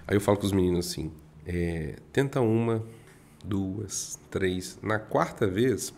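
A man's voice: sits low, vocal fry, a little mellow, slight background noise. A man from Minas Gerais with a mineiro accent, a real estate broker chatting unhurriedly as a podcast guest, dropping in many tag questions. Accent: Minas Gerais Brazilian Portuguese. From Minas Gerais, Brazil. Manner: speaks somewhat slowly, with frequent fillers and rhetorical tags. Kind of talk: casual podcast chat.

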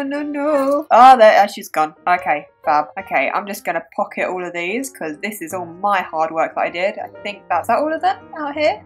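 A woman chatting through a life-sim game as a Let's Play host, giggling and making dark jokes. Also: mid-range voice. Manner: chatty, giggly, darkly joking. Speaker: gaming YouTuber.

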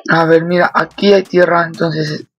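A man's voice: on the high side, level tone, moderate pace, a bit bright, rough recording. A man, chatting casually as he narrates his own moves in a gameplay video. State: hoarse. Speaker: gaming video creator.

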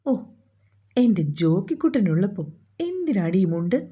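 A firm, teasing grown man in a storybook romance, voiced by a woman narrator, speaking in a dark, mellow and husky voice. The sound is dull and lo-fi. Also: mid-range voice, very animated, moderate pace. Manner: teasing, firm, matter-of-fact. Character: grown man, loving husband and firm son. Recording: dull lo-fi recording.

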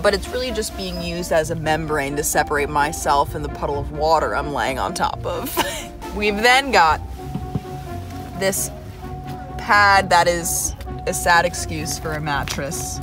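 A woman in her mid twenties chatting casually on a camping vlog, giggly and mock-serious, recorded outdoors or in a tent. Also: lowish voice. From New York City. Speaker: vlogger. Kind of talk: casual joking vlog chat. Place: outdoors at a festival campsite, often inside a tent. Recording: music behind the voice.

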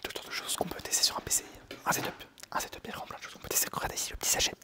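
A man whispering quickly through an ASMR tour of a computer setup. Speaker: tech ASMR creator.

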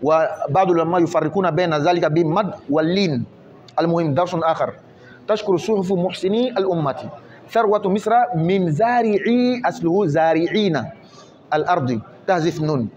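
A man's voice: on the high side, fast, a little mellow, lo-fi sound, slight background noise. A man teaching a grammar lesson, explaining patiently through many examples and often asking whether the listener has understood.

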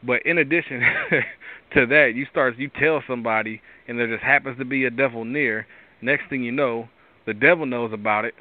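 Man, raspy voice, tired, rambling faith talk, tinny phone-like sound. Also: medium pitch, normal speed, no room sound. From Pittsburgh area. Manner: rambling, restarts often, preachy asides. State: tired from lack of sleep. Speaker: host. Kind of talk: casual devotional talk.

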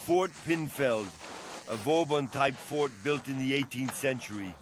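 A man narrating a food documentary in a measured, scripted way. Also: mid-range voice, noisy background. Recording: voice-over with music behind.

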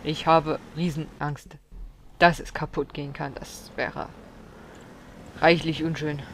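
A woman's voice: low-pitched, little pitch movement, measured pace, a little hiss or hum. A woman giving blind let's play commentary, swearing, exclaiming and scolding the enemies aloud.

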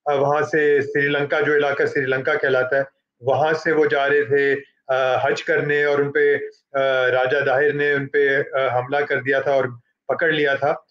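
A middle-aged man from Pakistan, moderating a book launch and introducing an author, speaking haltingly with frequent fillers and switches into English. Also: mid-range voice, level tone, muffled recording.

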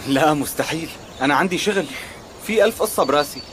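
A man's voice: on the high side, animated, fast, fairly bright tone, a little hiss or hum. An actor playing a busy, reluctant but good-natured young man in a TV drama dub, with a Syrian Arabic accent. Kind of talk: dubbed TV drama dialogue. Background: music.

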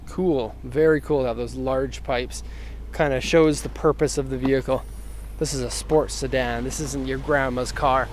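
A man's voice: mid-range voice, fairly even intonation, normal speed, a little hiss or hum. Easygoing man reviewing a car outdoors. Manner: easygoing, thinks aloud with fillers and restarts. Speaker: car importer reviewing an auction car. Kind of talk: casual walkaround car review. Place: outdoors in a residential street beside the car. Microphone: handheld camera mic, filming himself off-camera.

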